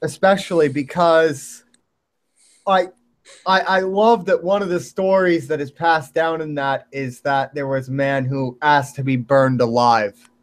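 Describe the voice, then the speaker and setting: A polite, hesitant man with a fairly high voice, talking in a casual online debate. He pauses with "uh" as he builds his point. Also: fairly even intonation. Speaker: debate participant.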